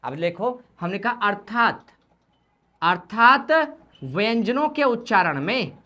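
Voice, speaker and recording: A woman's voice: mid-range voice, lively intonation, slow pace, sharp tone. A woman teaching Hindi grammar, repeating key points and asking questions that she answers herself. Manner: repetitive, asks questions then answers them. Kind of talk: classroom lesson explanation.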